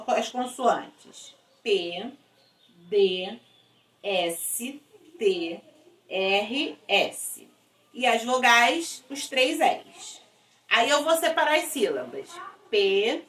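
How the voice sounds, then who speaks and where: A woman's voice: on the high side, a bit bright, recorded from a distance. A woman teacher, patiently explaining a worksheet and spelling out letters and syllables one by one. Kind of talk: recorded school lesson. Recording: echoey room, voice away from mic.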